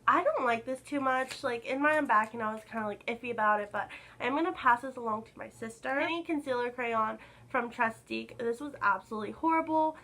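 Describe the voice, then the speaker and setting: A young woman vlogger chatting casually to camera about makeup, a little hoarse from being sick, filling her talk with "like.". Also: a little high, brisk, bright, forceful tone, poor audio. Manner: chatty, lots of "like" fillers. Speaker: beauty vlogger.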